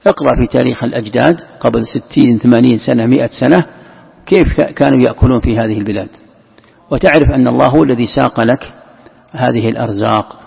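A man's voice: medium pitch, vocal fry, husky. A man who is a religious scholar giving a lesson. He reads a passage aloud, then explains it patiently and often repeats words. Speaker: Islamic scholar teaching Quran commentary. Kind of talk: classroom lesson commentary. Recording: echoey hall, muffled lo-fi sound.

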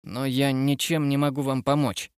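A man's voice: medium pitch, level tone, normal speed, clean tone, dry recording, clean studio sound, close to an everyday voice. A man voicing an evasive male ship radio operator in a raised, defensive voice.

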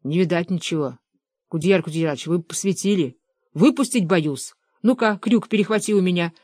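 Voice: medium pitch, fairly quick, darkish tone, no room sound, lightly acted. A simple young man, as a reader plays him, grumbling back in a plain everyday voice, recorded dry and close. A sulky storybook lad. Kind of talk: audiobook narration.

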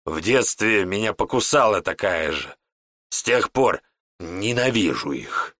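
A man's voice: fairly low pitch, lively intonation, measured pace, a bit bright, dry recording, clean studio sound. A man voicing a whiny, grumbling male city guard in an audiobook. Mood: sullen. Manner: whining, complaining.

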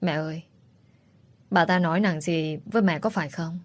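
A woman's voice: fairly low pitch, normal speed, close to an everyday voice. A woman voicing a guilty young woman of about twenty who speaks tearfully and apologetically in a storybook reading.

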